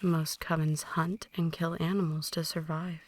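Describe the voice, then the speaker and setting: In an intimate ASMR roleplay, a woman plays an ancient female vampire, her low, soft, breathy voice often sinking into whispers. She lingers over every phrase with a flat, calm, lecturing delivery, deliberate and condescending, softly menacing like a possessive mentor to a newborn. It's a slow, intimate dramatic monologue.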